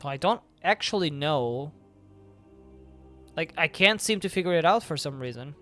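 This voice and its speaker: A young man chats casually during a live game stream, rambling with plenty of filler words. His voice is bright and crisp, sitting a little high. Faint game music plays behind him. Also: animated, normal speed.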